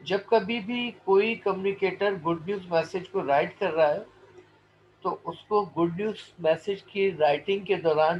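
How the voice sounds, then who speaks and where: A male lecturer explaining points quickly, then reading English passages slowly and deliberately, on a dull lo-fi recording. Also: sits high. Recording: dull lo-fi recording with faint noise.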